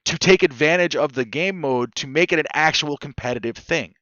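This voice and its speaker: A man's voice: on the high side, a little fast, bright, forceful tone, dry recording, dull audio. A man hosting a podcast, ranting emphatically and swearing in a casual chat. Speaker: podcast host.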